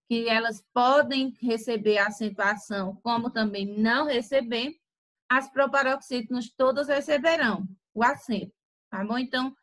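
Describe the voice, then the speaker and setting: A Brazilian woman teaching a grammar lesson, speaking slowly and stretching out example words, checking in with "tá?". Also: a little high, pushed and bright. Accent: Brazilian Portuguese. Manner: slow and deliberate, stretching out example words and using "tá?" tag questions. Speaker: Portuguese teacher.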